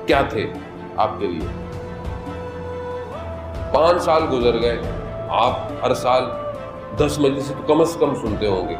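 A man, preaching as a Shia cleric at a majlis, shifts from a conversational sermon into impassioned, high-pitched appeals. The recording comes from an echoey hall with music running underneath.

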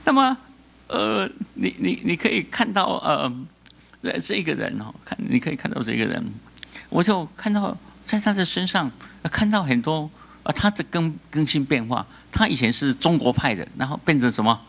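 A man with a Taiwanese Mandarin accent preaching a sermon as pastor, animated, often laughing and prompting the congregation to answer. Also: fairly high pitch, moderate pace, gravelly. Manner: animated, asks the congregation call-and-response questions; laughs often between remarks.

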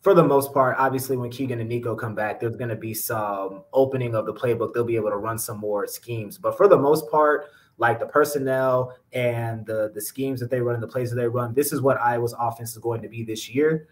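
A young man, a sports reporter, giving measured postgame analysis on a podcast over a video call. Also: mid-range voice, rough recording. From Georgia, US. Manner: measured, explanatory, steady. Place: small indoor room. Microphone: webcam on a video call.

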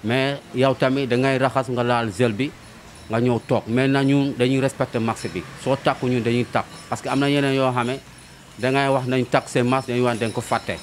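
A man's voice: mid-range voice, fairly even intonation, fairly quick, a little hiss or hum. A young man from Senegal, a barber interviewed in his shop, talking earnestly and repeating his points. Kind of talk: street interview. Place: barbershop, indoors. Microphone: handheld reporter's mic.

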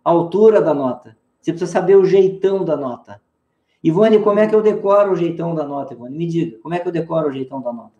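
Brazilian guitar teacher, high voice, roomy echo. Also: male voice, animated, fast, warm tone, highs cut off. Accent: Brazilian Portuguese. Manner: coaxing, drills call-and-response, playful nicknames. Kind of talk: live online guitar lesson.

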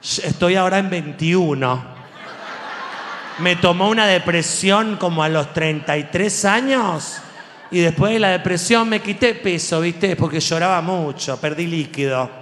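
Animated Venezuelan comedian man. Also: unhurried, a little hiss or hum. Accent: Venezuelan Spanish. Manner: animated, swings into high mock voices, profane. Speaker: comedian host. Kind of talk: stand-up comedy monologue. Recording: long hall reverb.

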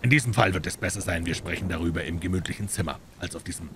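A man voicing a calm, shrewd male detective with a friendly, measured manner in a storybook reading. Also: deep voice, background noise.

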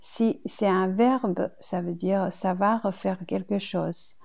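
A woman with a Chinese accent, a native Chinese speaker, teaching a language lesson slowly and deliberately, repeating each example twice. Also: mid-range voice, fairly even intonation, gravelly, darkish tone.

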